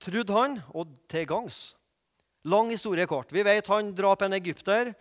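High-voiced male preacher in an echoey hall. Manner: lively storytelling with asides and questions to the audience. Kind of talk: sermon.

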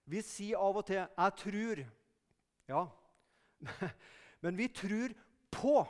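A man's voice: high-pitched, a little mellow. A man preaching a sermon in a mission hall, earnest and conversational with emphatic raised calls. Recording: reverberant hall.

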